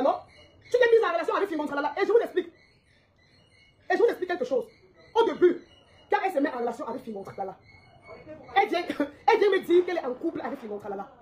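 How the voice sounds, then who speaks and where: A woman delivering a heated, confrontational social media rant, repeating her points and laughing mockingly. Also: sits high.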